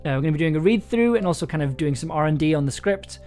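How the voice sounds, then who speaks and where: This tired young livestream host, who makes audio dramas, rambles hesitantly from a desk in a small room and keeps interrupting himself as he thinks aloud. His voice runs high with a darkish tone, animated and rapid-fire, over soft background music.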